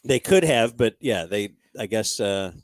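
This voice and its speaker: A man's voice: on the low side, animated, a little slow, no echo, studio quality. A man hosting a casual sports watch-party stream, chatty and laughing as he tells stories. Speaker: podcast host.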